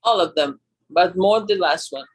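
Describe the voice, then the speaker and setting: A participant in an online class talks in a halting way, repeating words and starting sentences over. The voice sits in a middle register and comes through a video call. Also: mid-range voice, husky. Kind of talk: sharing feedback in an online class.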